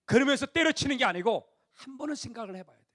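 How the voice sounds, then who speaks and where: A middle-aged man with a high-pitched voice preaching to young adults. He shifts between a chatty, storytelling tone and rising, forceful emphasis. He sometimes acts out the lines of the people in his stories. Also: fast talker. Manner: animated preaching, rising to near-shouts at emphasis; acts out quoted dialogue in a conversational tone. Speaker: pastor. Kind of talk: sermon.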